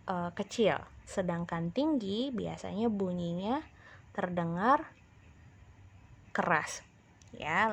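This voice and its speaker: A woman teacher giving a recorded lesson to children, explaining patiently and speaking straight to the class. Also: medium pitch. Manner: slow, patient explaining, addresses the class directly.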